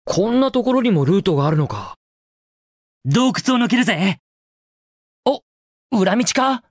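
Sonic, a cocky, animated young hedgehog hero. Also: male voice, sits high, no echo, clean studio sound, heavily acted. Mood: observant, cool. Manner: cool, confident, brisk casual talk. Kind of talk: video game voice acting, short in-game lines.

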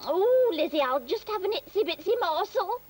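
A woman's voice: extremely high pitch, sing-song, moderate pace. A woman voicing a greedy but polite female pear in a children's puppet cartoon, always asking for more food. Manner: greedy, polite with mouth full.

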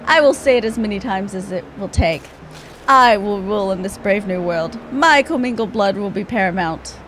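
A woman's voice: mid-range voice, normal speed, a bit bright, a little hiss or hum, close to an everyday voice, poor audio. Woman voicing an unhinged, pompous villain usurper. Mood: grandiose, unhinged. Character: pompous deranged male villain usurper, grandiose and scornful. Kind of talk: reading game dialogue aloud.

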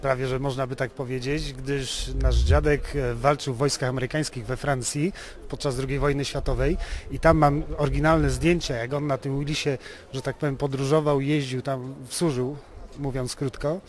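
A Polish man who owns a classic car and restores them as a hobby is being interviewed informally. His medium-pitched voice is flat and moves at a normal speed, and he explains things wordily, often rephrasing himself.

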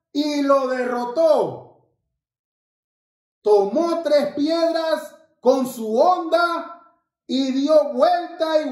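An adult playing Carlitos, a cheerful little boy who tells the children a Bible story in church, bubbly and exclaiming straight to his listeners. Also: high voice. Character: cheerful little boy named Carlitos, proud young scout. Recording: echoey church room.

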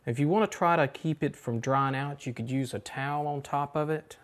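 Speaking at normal speed in a slightly high voice, a middle-aged cooking-show host talks viewers through a recipe one step at a time. He sounds relaxed and instructional, working from a home kitchen.

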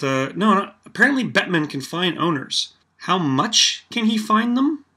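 A man's voice: high-pitched, sharp tone, slightly rough. Sarcastic filler-heavy young man ranting. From Canada. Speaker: vlog host. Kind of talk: casual opinion rant.

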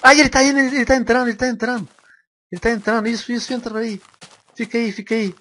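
A young man with a Brazilian accent commentating a game he is playing, animated and quick to squeal and laugh. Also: very high-pitched. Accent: Brazilian Portuguese. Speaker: gaming video host.

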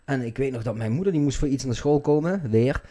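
Podcast host reacting to a friend's stories. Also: male voice, mid-range voice, brisk, warm tone. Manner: reacting with short laughs and exclamations. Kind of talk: casual chat.

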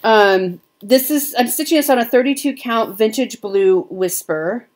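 A woman's voice: fairly high pitch, expressive, unhurried. A woman with a Midwestern American accent chatting casually as a cross-stitch vlogger, with frequent ums. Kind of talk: casual show-and-tell chat.

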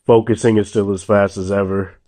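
Briskly and with no room sound, a deep-voiced young man whose throat is slightly sore after being ill reviews a phone hands-on. He's a tech reviewer sitting at an indoor table off camera. His talk is relaxed and rambling, with many fillers and restarts.

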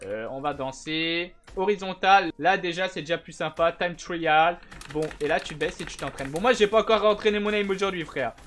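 A young man hosting a gaming channel, giving a casual gameplay tutorial in a slangy, chatty way with bursts of excited shouting. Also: a little high, moderate pace, hardly any pauses, a little hiss or hum.

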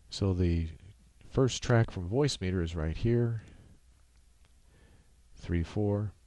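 This casual screen-recorded walkthrough features a man whose voice is deep and mellow; his step-by-step explanations come out practical but halting. The audio sits close and dry, with no room sound at all.

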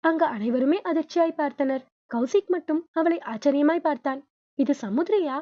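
High-voiced woman narrating a novel. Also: fairly quick, no room sound. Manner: steady storytelling reading. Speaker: audiobook narrator. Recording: dull lo-fi dry recording.

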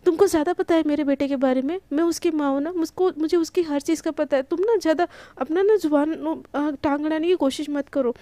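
A protective mother stammers and repeats herself in a high, hoarse, mellow voice, as a woman storyteller puts her on. The sound is dry and close. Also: a little fast, no room sound, lightly acted. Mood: scolding. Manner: stammering, repeats words in panic. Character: anxious, protective mother of a grown child.

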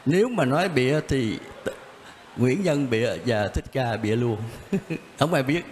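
A man's voice: mid-range voice, animated, unhurried, a little mellow. Older man, blunt and chuckling. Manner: blunt, chuckling, repeats himself. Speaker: Zen teacher answering questions. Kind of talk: casual spoken teaching, question and answer. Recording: reverberant room, faint background noise.

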